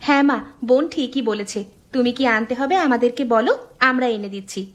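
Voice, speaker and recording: A woman voicing a steady, dutiful elder daughter. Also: fairly high pitch, brisk, natural voice. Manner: reassuring, steady. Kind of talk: cartoon story voice acting. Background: background music.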